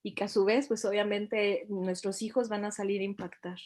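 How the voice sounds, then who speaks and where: A middle-aged woman speaks to parents in a reflective, questioning way. Her voice sits at a middle pitch for a woman. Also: steady tone, moderate pace, darkish tone. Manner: reflective, poses many questions. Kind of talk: online talk to parents.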